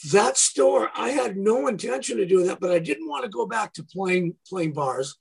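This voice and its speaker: A man with a gravelly, somewhat husky voice, pitched a bit higher than most, tells long anecdotes in a casual interview. He slips into the voices of the people he quotes, so he sounds lively and animated. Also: normal speed. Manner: animated storyteller acting out quoted dialogue. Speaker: podcast guest, guitarist and store owner.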